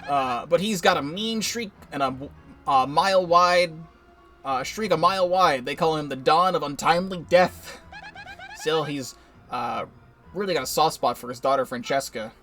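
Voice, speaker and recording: A man's voice: fairly high pitch, normal speed, a bit bright, close to an everyday voice. A gossipy townsperson confiding the latest mob rumors, as a man puts him on, close to his own voice. Faint game music plays behind. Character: chatty male townsperson, gossiping about the mob.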